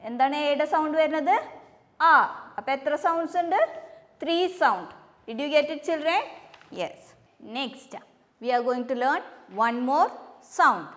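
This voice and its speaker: A woman with a Malayali English accent teaching phonics to young children, slowly spelling words letter by letter and quizzing the class. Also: high voice, expressive, big-room sound. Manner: slow, patient, spells out words letter by letter and asks questions. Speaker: kindergarten teacher.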